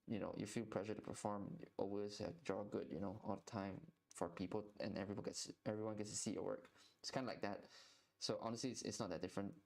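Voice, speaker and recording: A young man streams while drawing, his low-ish, creaky voice steady and fast with hardly any pauses. His casual live-stream chat rambles, and he often repeats words as he thinks.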